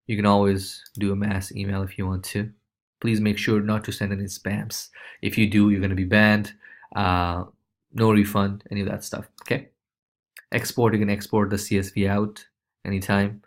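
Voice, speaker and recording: A man with a fairly low voice gives a casual software walkthrough, speaking loosely and informally and dropping in frequent short check-in tags.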